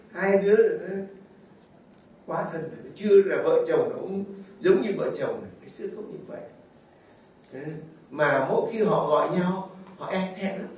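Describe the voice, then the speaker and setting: Older male priest, high voice, folksy homily, heard from a distance in a very echoey church. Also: moderate pace, long pauses, a little mellow. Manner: folksy storytelling, fond asides and chuckles. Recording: very echoey hall, mic far off, faint noise.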